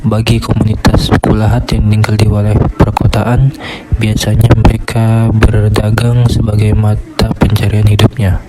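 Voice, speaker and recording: A young man, a student, reading his class presentation in a steady, scripted way. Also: on the low side, moderate pace, over loud music. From Indonesia. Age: young adult. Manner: steady, reads from a script in a flat tone.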